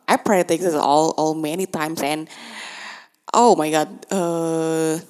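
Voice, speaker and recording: Her voice is low and a little mellow, with fairly even intonation and a slow pace. She chats casually in hesitant English, her first language being Indonesian, filling in with fillers, restarting, laughing a lot, and mixing Indonesian into her sentences.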